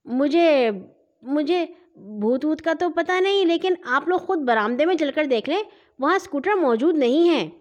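A woman's voice: high-pitched, animated, muffled recording. A woman doing a smug little boy. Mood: nonchalant. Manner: offhand and cocky. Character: smug, nonchalant young boy.

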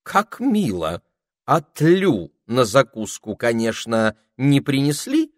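A man's voice: mid-range voice, huge pitch swings, slow pace, dry recording, studio quality, pitched above the performer's own voice. A man voicing a vain, sulky female spider housekeeper in an audiobook, plaintive and reproachful. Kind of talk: audiobook character voice.

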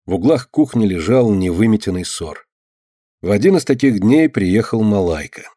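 A man reading a novel aloud in a measured, even scripted narration. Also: on the low side, no room sound, studio quality. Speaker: audiobook narrator.

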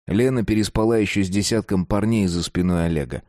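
A man reading a dark story aloud, slow and deliberate. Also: low voice, no room sound, studio quality. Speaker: narrator. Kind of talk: scripted narration of a dark story.

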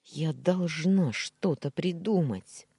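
A woman reading the part of a timid female servant who speaks softly, politely and hesitantly. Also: sits low, takes it slowly, breathy edge, no echo, pitched above the performer's own voice, heavily acted. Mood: cautious, gentle.

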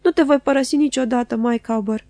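A woman's voice: fairly high pitch, mellow, no room sound, natural voice. A woman doing a tearful, melodramatic wife. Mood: tearful, dramatic. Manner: declaiming, dramatic, insistent. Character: emotional, melodramatic middle-aged wife, loyal and tearful. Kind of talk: audiobook character voice.

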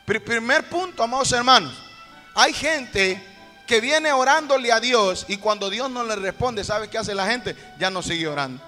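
Fervent pastor, high and bright, preaching in an echoing hall over faint music. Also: male voice, expressive, moderate pace. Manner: preaching with rising fervor, repeating phrases. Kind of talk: sermon. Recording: echoey hall with music behind.

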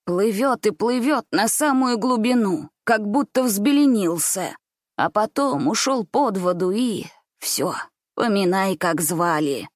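A woman voicing a scheming old grandmother who talks slowly with false, soothing care. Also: medium pitch, lively intonation, dry recording, clean studio sound. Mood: grim telling. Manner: slow, soothing, falsely caring.

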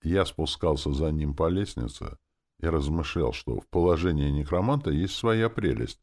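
A man's voice: extremely low pitch, animated, normal speed, a little mellow. A man narrating a story in the first person in a wry, sardonic way. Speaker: audiobook narrator.

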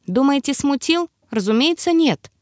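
A woman's voice: high voice, lively intonation, normal speed, darkish tone, no echo, studio quality, pitched above the performer's own voice. A woman voicing a sarcastic, mocking male elf. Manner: drawling, mocking, theatrical.

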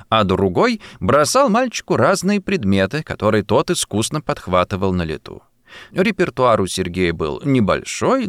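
A man's voice: mid-range voice, dry recording, clean studio sound. A man narrating a literary story as an audiobook, reading expressively and dramatically.

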